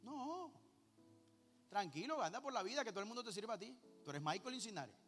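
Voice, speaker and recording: A man voicing God as a sarcastic, indulgent father who soothes in a mock-gentle drawn-out way. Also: high voice, expressive. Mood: sarcastic soothing. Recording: echoey church hall with faint music.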